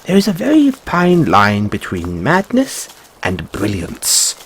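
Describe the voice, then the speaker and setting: A man's voice: fairly low pitch, wildly swooping pitch, takes it slowly, slight background noise, exaggerated voice, rough recording. A man playing an anxious, polite, whimsical rabbit boy in a fantasy audio roleplay, with stammered, courteous, old-fashioned phrasing. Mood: whimsical, musing. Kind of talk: theatrical fantasy audio roleplay addressed to listener.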